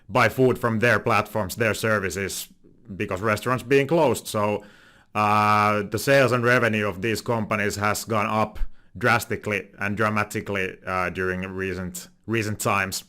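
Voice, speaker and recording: A man's voice: fairly low pitch, steady tone, moderate pace, pushed and bright. Finnish man hosting a finance commentary. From Finland. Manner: many filler "uh"s and restarts. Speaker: finance channel host. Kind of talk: casual commentary video.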